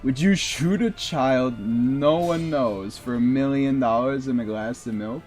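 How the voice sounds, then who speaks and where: A man's voice: mid-range voice, a little slow, darkish tone, faint music behind. A man streaming a video game, rambling in casual commentary and swearing at the boss now and then.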